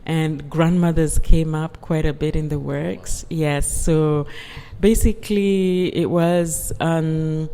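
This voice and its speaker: Measured, reflective voice in a reverberant hall. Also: medium pitch, fairly even intonation, mellow, clear, resonant tone. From United Kingdom. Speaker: guest artist. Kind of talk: interview conversation.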